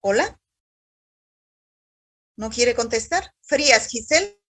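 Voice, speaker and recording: A woman's voice: a little high, expressive, slow, a bit bright. A woman teaching a university microbiology class over a video call, quizzing students by roll call in a stern, scolding way.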